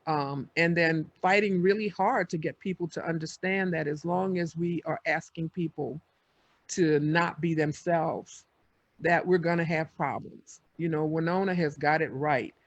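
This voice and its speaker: An older woman speaking on a panel, reflective and measured as she tells her own story. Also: low voice, no echo. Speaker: panelist, community advocate. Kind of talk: panel discussion. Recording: dull lo-fi audio.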